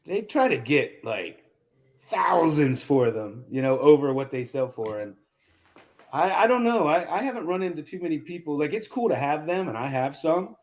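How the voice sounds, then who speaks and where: A man in casual round-table chat, animated, often repeating words as he restarts his sentences. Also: on the high side, normal speed.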